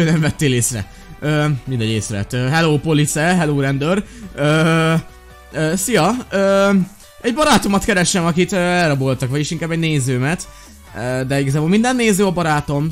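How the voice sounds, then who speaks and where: Excitable young man narrating gameplay. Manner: excitable, jumps to high yelps when panicking. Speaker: gaming YouTuber. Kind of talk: live gameplay commentary.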